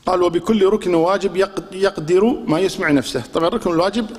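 A man's voice: high voice, fast talker, a little mellow. Kuwaiti guy giving a religion class, keeps asking the room questions, voice ringing in a big hall. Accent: Kuwaiti Arabic. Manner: poses rhetorical questions and drills answers with the class; demonstrates pronunciations by repeating them aloud. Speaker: religious teacher. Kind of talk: religious lesson. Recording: long reverb of a large hall.

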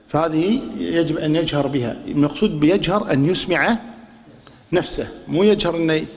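A religious teacher with a Kuwaiti Arabic accent and a voice on the high side gives a lesson in a large hall with long reverb. He quizzes listeners with rhetorical questions, demonstrates pronunciations aloud and drills answers with the class.

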